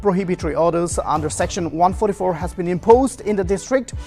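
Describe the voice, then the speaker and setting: High-pitched male newsreader. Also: quick pace, warm tone, soft background music. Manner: formal. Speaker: news anchor. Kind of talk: scripted news reading.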